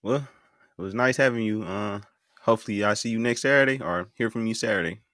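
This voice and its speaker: An American podcast game show host runs a live call-in show, speaking casually and hesitantly and often repeating his words. His voice is lowish and fairly bright, and he talks fast. The studio-quality recording has no room sound.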